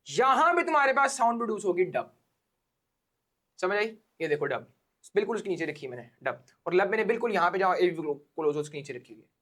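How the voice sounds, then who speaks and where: This Pakistani-accented man talks briskly in a high, slightly bright voice with big pitch swings as he takes exam students through biology informally. He goes one step at a time, restates the important points, and makes sure the class keeps up.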